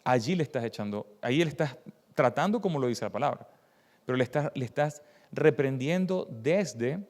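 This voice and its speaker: Man, preacher, workshop sermon, animated storytelling, mid pitch, long hall reverb. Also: moderate pace. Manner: animated storytelling, swinging between loud cries and quiet stress. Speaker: preacher leading a church workshop.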